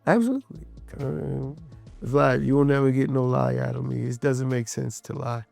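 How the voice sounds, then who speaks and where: In an interview, a man with a medium-pitched, creaky, somewhat dark voice casually recounts a fight from his past at a normal pace. He's loose and emphatic, acting out the lines people said, while faint music plays in the background.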